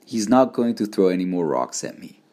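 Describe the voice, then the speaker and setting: A man's voice: sits low, sing-song, moderate pace, warm tone. A man reading an audiobook, voicing a polite, good-humored young cowman in a friendly, easygoing manner.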